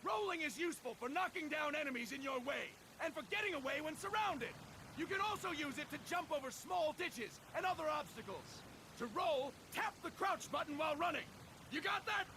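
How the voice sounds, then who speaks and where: An actor playing a stern, bossy military drill sergeant who barks training instructions in a video game tutorial. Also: male voice, very high voice, expressive, fairly quick, noisy background. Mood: barking, stern. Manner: drill sergeant style, barking commands, stern.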